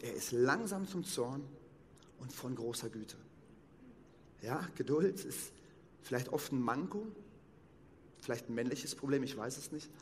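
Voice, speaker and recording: A man's voice: medium pitch, slight background noise. Man preaching in an echoey hall. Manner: emphatic preaching, slow stressed phrases. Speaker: pastor. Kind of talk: sermon. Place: church hall. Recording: long reverb of a church hall.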